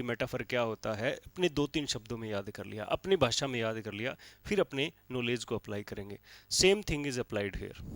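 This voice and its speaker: Man teaching a class, slightly high voice. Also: fairly bright tone, no echo. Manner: explains step by step with frequent checks like "theek hai". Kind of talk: classroom lecture.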